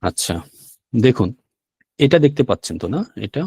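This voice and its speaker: A man's voice: medium pitch, very animated, moderate pace, darkish tone, husky, no echo. A man teaching a language class, patiently repeating words and checking that students follow. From Bangladesh. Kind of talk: classroom lesson explaining vocabulary.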